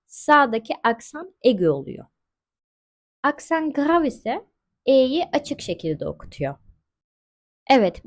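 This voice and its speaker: A woman with a fairly high voice gives a French lesson at an unhurried pace. She explains each rule step by step and repeats every example word slowly and clearly. Her tone is patient and methodical. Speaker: French teacher. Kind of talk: slow explanatory language lesson.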